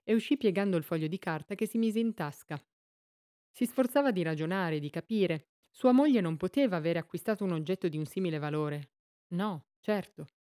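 Low-voiced woman reading a story. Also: animated, brisk, mellow, no echo, studio quality. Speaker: reader. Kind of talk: scripted narration of a classic short story.

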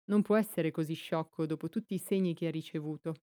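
A woman reading as a gentle wise child empress. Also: low-pitched, quick pace, no room sound, studio quality, close to an everyday voice. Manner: soft, gentle, quiet.

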